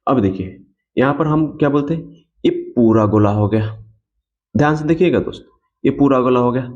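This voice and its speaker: A man's voice: medium pitch, normal speed, darkish tone. A man teaching an exam coaching lecture, who repeats key points and asks and answers his own questions. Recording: dull lo-fi sound.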